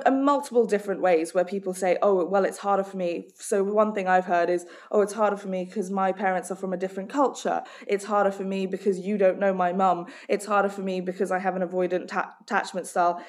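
In a podcast interview, a life coach and author from Hong Kong answers directly and emphatically. Her voice sits in the mid range.

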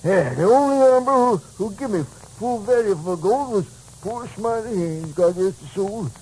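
A raspy old American prospector in a radio western, very high in pitch and swinging up and down as he grumbles. He is cantankerous and folksy, with mild cussing in his drawl. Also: animated, normal speed, darkish tone, low-quality recording. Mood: grumbling, indignant. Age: older.

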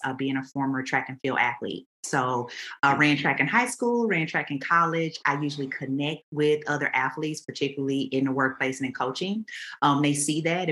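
Lively low-voiced woman from Houston. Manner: lively, playful. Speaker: podcast guest, co-founder. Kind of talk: casual self-introduction.

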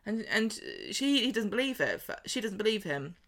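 A woman's voice: mid-range voice, moderate pace. A woman co-hosting a podcast, recapping a soap in casual chat and acting out the characters' lines. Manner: animated, acts out characters' lines while recapping. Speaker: podcast co-host.

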